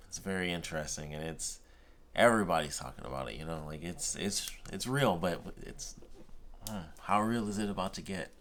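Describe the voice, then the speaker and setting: Stoned dude rambling on a vlog, lowish voice, trails off a lot, noisy recording with little clicks. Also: male voice, a bit bright. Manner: stoner-like, dazed and drifting, trails off. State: high, intoxicated. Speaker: vlogger. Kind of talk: rambling casual unboxing vlog.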